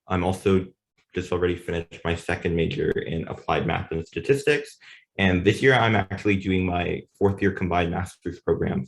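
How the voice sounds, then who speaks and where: A man in his twenties introduces himself on a video call panel. His voice is very deep with plenty of gravelly fry. He speaks steadily and sounds upbeat. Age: 20s. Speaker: university student panelist.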